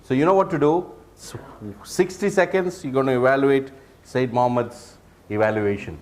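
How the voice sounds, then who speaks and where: Man, workshop presenter, mid-pitched voice, joking, talks straight to the crowd. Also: normal speed. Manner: lively, joking, addresses audience directly. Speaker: public speaking workshop presenter. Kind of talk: live workshop talk.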